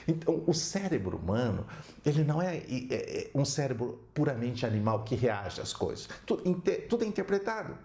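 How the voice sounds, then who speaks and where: A man giving an animated storytelling talk as a counselor, often tagging his lines with "né?". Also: mid-range voice, moderate pace, gravelly. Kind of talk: storytelling talk with religious examples. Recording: roomy echo.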